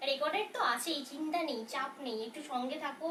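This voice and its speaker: A soft-spoken woman selling sarees on a live stream, talking in a chatty, reassuring way as she answers viewers' questions. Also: high-pitched, fast talker. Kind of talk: casual live sales talk. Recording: roomy, from a distance, faint noise.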